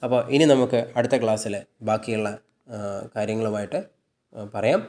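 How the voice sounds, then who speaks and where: A man with a Malayali accent teaching English. He reads word lists slowly, repeats them, explains each in his own language, and fixes his own slips as he goes. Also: on the low side, darkish tone. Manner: corrects his own slips mid-sentence.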